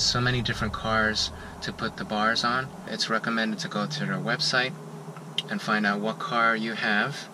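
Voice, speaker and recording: Lower-voiced middle-aged man, loud background noise. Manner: plain, unhurried talk with "uh" fillers. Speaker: gear reviewer and angler. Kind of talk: casual product review. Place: inside a parked car.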